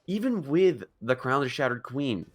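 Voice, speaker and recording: A man's voice: moderate pace, slightly rough. A man casting live esports play-by-play, his voice leaping up in big fights. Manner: excitable, pitch jumps high in big fights. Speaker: esports caster. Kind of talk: play-by-play commentary.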